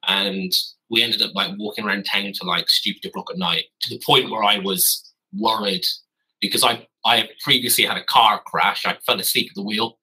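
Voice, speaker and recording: Recorded roughly from his garden office, a man in his thirties appearing as a podcast guest spins casual stories at normal speed. His lowish voice is sharp and slightly rough, and he tends to ramble, correct himself and make wry remarks.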